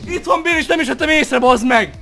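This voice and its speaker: A young man shouting and swearing with joy in an excited reaction to opening packs. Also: extremely high pitch, vocal fry, soft background music. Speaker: gaming video creator.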